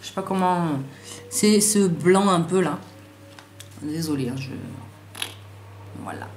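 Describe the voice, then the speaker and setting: A woman doing a casual makeup haul video, talking in slangy, excitable bursts and swearing freely as she tests colours and trips over English names. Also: fairly low pitch, slow pace, soft background music. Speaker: beauty vlogger. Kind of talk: casual haul review with swatches. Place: sunny room at home. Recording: roomy echo, faint background hiss.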